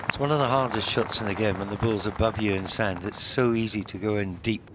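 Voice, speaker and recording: A man's voice: fairly low pitch, brisk. A man giving live golf commentary. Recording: loud outdoor crowd noise behind.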